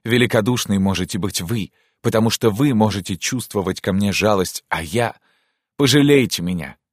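An emotional young prince, pleading and earnest, as a male reader acts him out with a low voice pushed higher in his pleas. The sound is dry and close, as in a storybook recording. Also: expressive, moderate pace, dry recording. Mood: bitter. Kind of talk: audiobook character reading.

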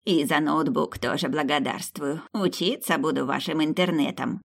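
A woman voicing an old village grandmother witch who speaks slowly and chants spells in an audiobook. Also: sits low, steady tone, vocal fry. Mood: kindly. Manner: slow, chanting incantations. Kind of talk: audiobook character voice.

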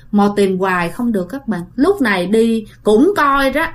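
A woman telling a ghost story in a casual, chatty way, talking straight to her listeners. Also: mid-range voice. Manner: chatty, addresses listeners directly, many fillers.

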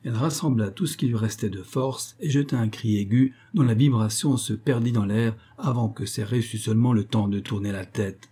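A man narrating a storybook in a measured, even way. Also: on the low side, husky. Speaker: audiobook narrator.

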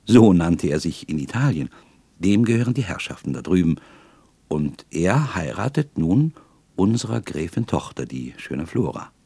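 A gentle young woman chatting happily and confidingly, as a male reader puts her on with a low voice lifted a little. Her lines swing with lively rises and falls, and the recording is close and dry. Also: moderate pace, gravelly, breathy edge, dry recording, exaggerated voice. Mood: explaining. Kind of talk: audiobook character reading.

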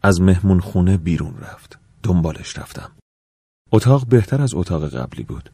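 A man narrating an audiobook in the first person, calm and measured, at times dropping to a soft whisper. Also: deep voice, vocal fry, slightly rough, dry recording, clean studio sound.

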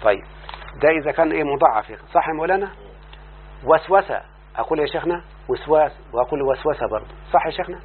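Patient Egyptian sheikh checking understanding. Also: male voice, fairly high pitch, lively intonation. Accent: Egyptian Arabic. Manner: keeps asking the student if he follows; repeats word forms slowly and drawn out. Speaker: teacher of Arabic morphology. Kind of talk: explaining a classical text to a student. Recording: tinny phone-like line with faint hum.

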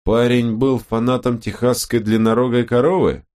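A man voicing a gruff, sarcastic male police detective who grumbles and mocks. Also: mid-range voice, flat delivery, moderate pace, darkish tone, voice pushed up, close to an everyday voice. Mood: mocking.

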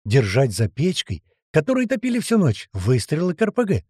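Expressive male audiobook narrator. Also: a little high, normal speed, slightly rough, dry recording, clean studio sound. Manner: expressive, colloquial storytelling. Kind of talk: first-person scripted narration.

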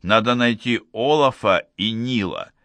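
A man voicing a curt, decisive male engineer in an audiobook, close to his own low voice. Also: unhurried, a bit bright, no echo.

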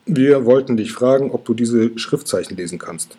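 A man voicing an earnest male dragon from the council, speaking formally, with a dark, breathy voice. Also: mid-range voice, normal speed, lightly acted.

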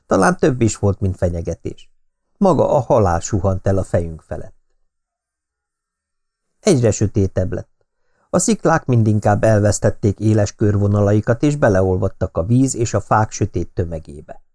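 A man reading an audiobook, telling a first-person story in a steady manner. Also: fairly low pitch. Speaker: audiobook narrator.

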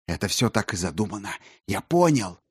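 A wild-eyed, rambling male collector, his voice climbing high and getting loud as he pleads and nearly shouts, performed by a man reading a story. The sound is dry and close. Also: very animated, brisk, breathy edge, no room sound, heavily acted. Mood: whispering. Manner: feverish, pleading, rising to near shouts.

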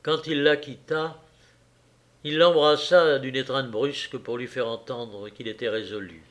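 A man reading a classic novel aloud in a measured, solemn manner with long pauses. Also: medium pitch, fairly even intonation, fairly bright tone. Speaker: audiobook reader. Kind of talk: literary narration.

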